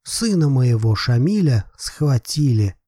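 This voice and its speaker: A proud, hot-tempered old father, pleading in heavy, slow, emphatic phrases, as a male narrator acts him out. His voice is warm and husky, recorded dry and close for an audiobook. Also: medium pitch, very animated, no echo, exaggerated voice. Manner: emphatic, pleading, broken grammar.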